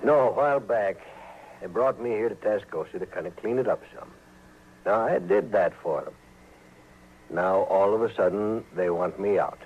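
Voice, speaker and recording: Clegg Rawlins, sly drawling crooked sheriff. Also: male voice, on the low side, moderate pace, slightly rough. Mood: oily, persuasive. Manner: folksy, slyly threatening. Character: corrupt, smooth-talking, menacing frontier sheriff. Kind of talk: old-time radio western acting. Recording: dull, hissy old radio recording.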